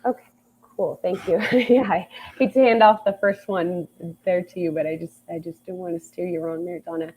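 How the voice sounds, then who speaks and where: A woman joins a livestream by audio only as a guest expert, hesitantly answering viewer questions with many ums in a casual Q&A call. Her voice is lowish and darkish, with fairly even intonation at a normal speed. The line sounds tinny and phone-like, with a little hiss or hum.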